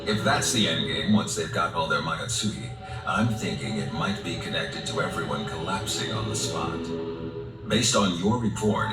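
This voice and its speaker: Deep, grave male actor as a game director. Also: lightly acted. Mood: analytical. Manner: formal, measured, deliberate. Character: grave, composed male director of a secret organization. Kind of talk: video game voice acting. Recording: roomy, distant sound under loud music.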